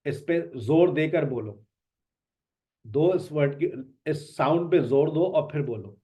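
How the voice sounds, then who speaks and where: A man's voice: fairly high pitch, lively intonation, unhurried, warm tone. A man teaching an online spoken English lesson, repeating words with emphasis to drill them. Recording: dull lo-fi sound.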